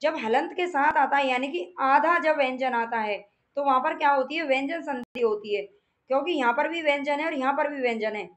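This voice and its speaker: A woman gives an exam revision lesson on grammar. Her voice sits high, and she keeps asking rhetorical questions that she answers right away. She repeats her points to drive them home. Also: fairly quick. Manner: repetitive, asks and answers own questions. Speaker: Hindi grammar teacher.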